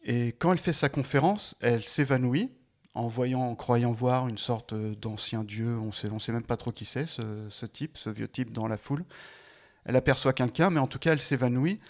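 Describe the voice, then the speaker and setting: Man, gravelly voice, halting film talk, lots of fillers and restarts. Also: medium pitch. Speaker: film discussion guest. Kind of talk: casual spoken film analysis.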